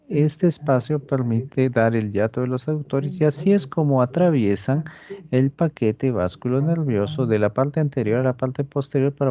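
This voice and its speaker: A man teaching anatomy over a dissection in a slow, deliberate way, constantly checking that the students follow. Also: medium pitch, gravelly, mellow, muffled recording. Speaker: anatomy instructor. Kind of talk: lecturing during a dissection demonstration.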